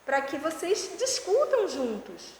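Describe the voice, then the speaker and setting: High-voiced woman in an echoey room. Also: slow. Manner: animated, gives teaching tips with examples. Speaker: educational psychologist guest. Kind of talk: casual explanatory chat. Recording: echoey room with faint noise.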